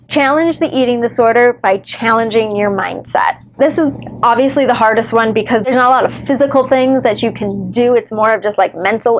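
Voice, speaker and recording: A woman's voice: on the high side, slight background noise. A woman giving earnest, reassuring advice straight to camera as a recovery vlogger, with the odd wry joke. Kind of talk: encouraging direct-to-camera advice.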